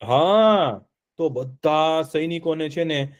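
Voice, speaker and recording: Male storyteller, high voice, keeps the kids involved with questions. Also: slow pace. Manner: lively, asks the children questions as he tells. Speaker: storyteller for children. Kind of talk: telling a folk tale to children in an online class.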